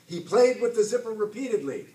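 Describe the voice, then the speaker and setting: A man, an author, reading his story aloud to a bookstore audience with animated, dramatic narration. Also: sits high, fairly quick. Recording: roomy, distant mic, faint hiss.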